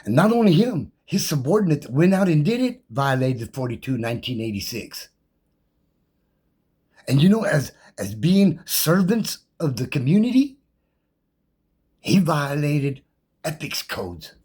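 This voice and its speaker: Defiant man ranting, husky and animated. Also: fairly high pitch, measured pace, long pauses. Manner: combative, defiant, rattles off legal code numbers; loose, repetitive, slangy and profane. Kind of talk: impassioned monologue rant.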